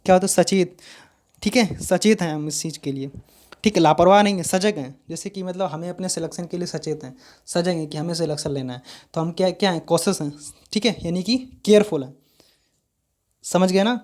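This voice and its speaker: A man's voice: high voice, brisk, a little mellow. A male teacher giving a live online vocabulary lesson, spelling words letter by letter and repeating his questions.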